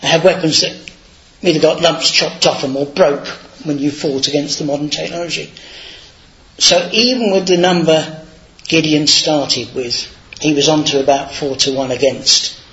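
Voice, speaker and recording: A man's voice: a little high, normal speed, a bit bright. A man giving an informal, anecdotal sermon in a chatty, self-deprecating way, on a dull lo-fi recording. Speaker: lay preacher.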